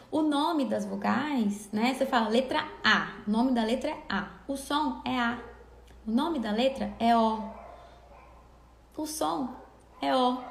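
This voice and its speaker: A woman teaching literacy in a live online lesson, explaining patiently and sounding words out slowly syllable by syllable. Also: sits high, vocal fry. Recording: echoey room.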